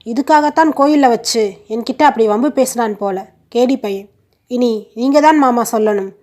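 A woman's voice: on the high side, moderate pace, a little mellow, close to an everyday voice. A woman voicing a middle-aged aunt who speaks frankly and outspokenly.

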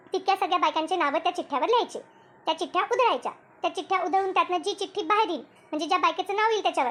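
A woman's voice: very high voice, fairly bright tone. Shantabai, a woman-voiced bossy cartoon villager. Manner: explains at length, bossy. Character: bossy chatty village woman, group leader. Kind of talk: cartoon voice acting.

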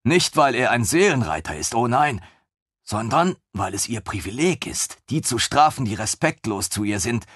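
A man voicing an eager, naive young male lieutenant in a fantasy audiobook, talking in an excitable, pompous way. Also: medium pitch, moderate pace, slightly rough, no room sound, studio quality, pitched above the performer's own voice. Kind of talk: audiobook character voice.

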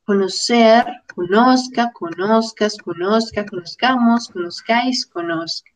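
Slow, careful female teacher. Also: medium pitch, low-quality recording. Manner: careful, drilling word lists. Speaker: Spanish teacher. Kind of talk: slow grammar lesson.

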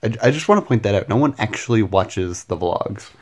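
A man's voice: on the low side, lively intonation, a little fast, a little mellow. A man talking casually to his camera late at night in a rambling way, full of fillers and self-deprecating asides. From Canada. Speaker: vlogger. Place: home at night. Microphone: camera mic.

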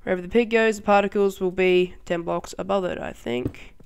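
Casual game-tutorial host, excitable, laughs and exclaims easily, rambling and chatty delivery. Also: mid-range voice, brisk, vocal fry, a little hiss or hum. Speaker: channel host.

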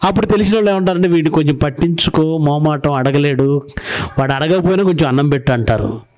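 A man's voice: on the high side, a little mellow. A man preaching a sermon, telling stories and asking his listeners rhetorical questions. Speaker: pastor.

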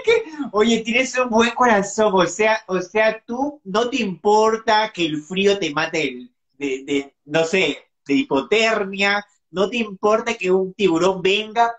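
A woman's voice: medium pitch, a little slow. A woman hosting a casual live-stream interview over a video call, giggly and teasing, with dramatic exclamations. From Peru. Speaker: host.

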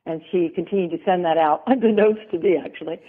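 A woman's voice: lowish voice, quick pace, husky. Woman, middle-aged, chatty interview guest, rambling, phone-like sound. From American South. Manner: chatty and rambling, with frequent laughs. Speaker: guest, former model. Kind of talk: casual interview talk. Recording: tinny phone-line sound.

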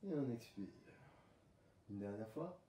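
A man leading a home pilates class, calmly calling out breathing cues and movements. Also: lowish voice, a little slow, slight background noise. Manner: calm coaching cues, breath counting. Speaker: pilates instructor. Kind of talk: guided workout instruction. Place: room at home. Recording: roomy, distant camera mic.

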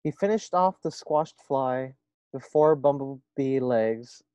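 A man teaching first graders, reading a picture book aloud and gently asking the children questions. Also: medium pitch, slow, smooth, no echo. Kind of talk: read-aloud storytime.

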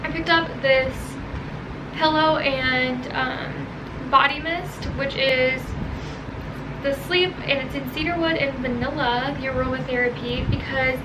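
A woman's voice: sits high, a little slow. A young adult American woman chatting casually and informally to her vlog viewers, recorded indoors at home. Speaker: vlogger. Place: small bedroom and home kitchen, indoors. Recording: steady fan noise behind home recording. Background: whirring room fan.

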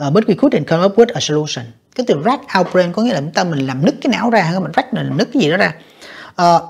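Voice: mid-range voice, vocal fry, slightly rough. An English teacher, reviewing exam questions by reading each option aloud, translating it and judging it for the students. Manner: reads each English option, then translates and judges it, often addressing "các bạn".

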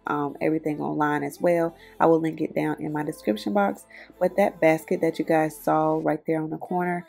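A woman's voice: low-pitched, gravelly, mellow, slightly rough. A woman, chatting to viewers in a voice-over as she cleans her home. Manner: chatty, addresses viewers as y'all. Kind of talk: casual voice-over narration.

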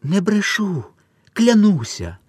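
A man puts on a high, strained voice for a desperate older peasant mother, her pleas tearful and urgent. Her words sound close and dry, with no room around them. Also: huge pitch swings, slow, husky, dry recording, full character voice. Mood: pleading. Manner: pleading, tearful.

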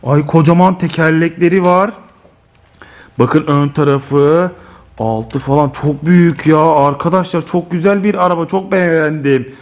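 A man filming a casual family vlog at home, talking excitedly and exclaiming to his viewers. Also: a little high, unhurried, slight background noise. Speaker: family vlogger. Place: home living room with a sofa. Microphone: handheld camera.

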